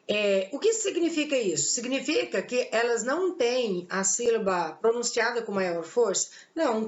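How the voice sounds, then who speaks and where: A Brazilian woman teacher with a fairly high voice talks her students through a grammar lesson. She explains patiently, asking questions and answering them herself. The recording is dull and lo-fi, with a roomy echo around her. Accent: Brazilian Portuguese. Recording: echoey, dull lo-fi room recording.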